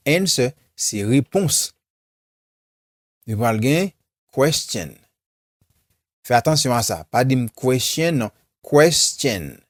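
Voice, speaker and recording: A man's voice: medium pitch, no room sound, studio quality. A man with a Haitian accent teaching English vocabulary, saying each word several times and then translating it. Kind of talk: slow vocabulary drill with repetition.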